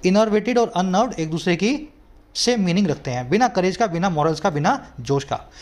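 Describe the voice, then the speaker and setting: Brief: Indian male teacher, high voice, patient word-by-word explanations, slow deliberate reading of English lines. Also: animated, darkish tone. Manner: explains terms step by step, often checking "ठीक है"; reads English quotes slowly. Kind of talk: explaining a news article word by word.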